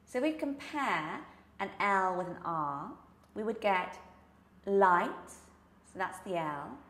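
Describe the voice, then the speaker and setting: A woman's voice: mid-range voice, sing-song, slow pace, fairly bright tone. A woman with a British accent giving an instructional pronunciation lesson, enunciating carefully and stressing example words. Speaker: pronunciation coach. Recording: echoey room.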